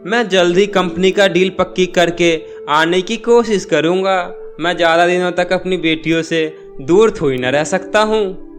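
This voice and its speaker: A man voicing a working father in a cartoon story, calm and reassuring as he leaves on a business trip. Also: high voice, a little slow, soft background music. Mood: calm, fond.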